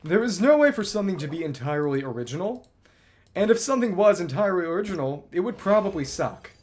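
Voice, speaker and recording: A man livestreams a video game with casual, bookish commentary that drifts into long, discursive tangents. His voice sits high and he talks fast and very animatedly.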